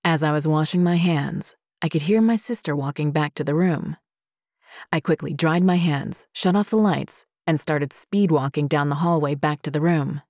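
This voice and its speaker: A woman reading scary stories aloud as a narrator, in a slow, steady storytelling delivery. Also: deep voice, dry recording, clean studio sound.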